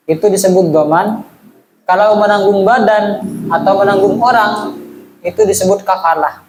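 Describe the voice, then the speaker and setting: High-voiced man teaching. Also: a little mellow, poor audio. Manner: chatty, asks the audience questions. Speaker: religious teacher. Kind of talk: casual Islamic study lesson.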